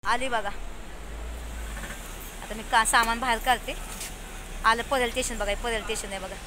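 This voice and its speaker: Riding by car to a bus depot, a vlogger chats casually with her viewers and the friend filming her, her voice on the high side, steady in tone, at normal speed. The noisy phone video picks up traffic and street sounds from the car and the depot.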